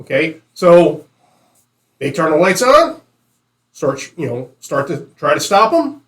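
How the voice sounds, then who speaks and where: A man with a slightly high voice talks casually in a roomy, echoing space. He tells anecdotes conversationally, as one panelist in a group discussion. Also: very animated, takes it slowly, fairly bright tone. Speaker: podcast panelist on policing. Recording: roomy, echoey room.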